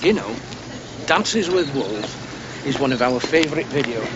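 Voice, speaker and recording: A man's voice: mid-range voice, animated, measured pace, muffled recording, noisy background, close to an everyday voice. A man playing a chatty, nosy pub landlord. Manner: friendly, nosy small talk. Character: chatty local pub landlord greeting tourists.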